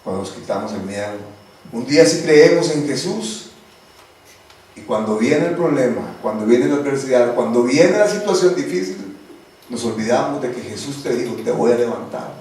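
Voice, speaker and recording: A man's voice: mid-range voice, expressive, normal speed, a little mellow. A man preaching as a pastor, with impassioned, repetitive delivery that builds in intensity. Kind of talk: sermon. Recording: very echoey room, voice from a distance.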